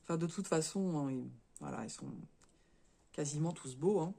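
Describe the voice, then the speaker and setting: Hoarse woman with a cold, chatting haltingly. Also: low voice, dark tone. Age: adult, married. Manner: halting, many fillers and restarts, stumbles over words; chatty, tags sentences with "hein". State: slightly hoarse, stuffy with a cold; a little out of breath. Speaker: crafts vlogger. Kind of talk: casual show-and-tell vlog.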